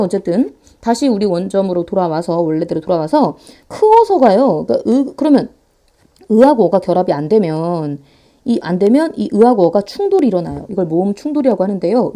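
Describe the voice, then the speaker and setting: A woman teaching a grammar lecture online in a playful, animated way, talking fast and sometimes acting out students' voices. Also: mid-range voice. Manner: talks fast to save time.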